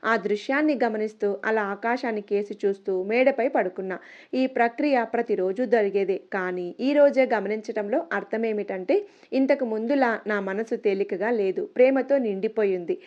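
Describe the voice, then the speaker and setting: A woman's voice: medium pitch, moderate pace, a little mellow. Young woman narrating a story, muffled audio. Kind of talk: first-person story narration. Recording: muffled lo-fi recording.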